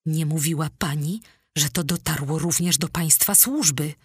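A woman reader gives voice to a shaken young officer in a storybook, low and hushed, his words grave and trembling. Her husky delivery stays slow and close. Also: no room sound. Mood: grim.

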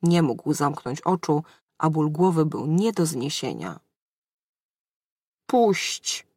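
A woman narrating a fairy tale in a measured storytelling manner. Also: sits low, expressive, darkish tone, breathy edge, dry recording, studio quality.

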